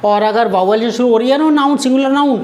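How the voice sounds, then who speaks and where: A woman teaching English grammar in a lively classroom style. She drills words by repeating them and asks and answers her own questions. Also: fairly high pitch, fast talker.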